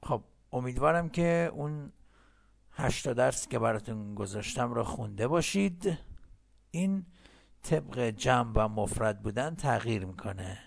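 Male English teacher, heavy vocal fry, patient, repeats phrases slowly. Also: medium pitch, lively intonation. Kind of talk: recorded language lesson.

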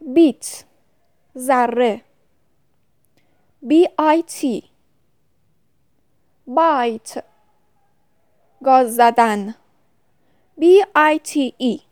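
A woman teaching English vocabulary, saying each word, giving its meaning and spelling it out letter by letter in a calm, measured way. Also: high voice, dry recording, studio quality. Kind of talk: slow vocabulary drill, spelling words letter by letter.

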